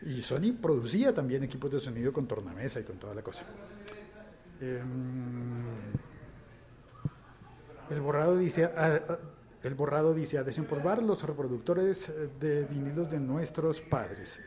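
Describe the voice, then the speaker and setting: A man's voice: medium pitch, unhurried. A man hosting a casual podcast, reading out listener comments and joking along. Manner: animated, reads out comments and jokes. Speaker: podcast host.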